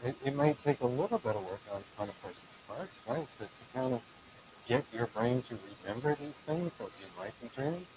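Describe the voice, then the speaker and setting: Muffled male interview host over clear hiss. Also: medium pitch, expressive, a little fast, darkish tone. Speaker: show host interviewing a guest. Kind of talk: casual interview chat.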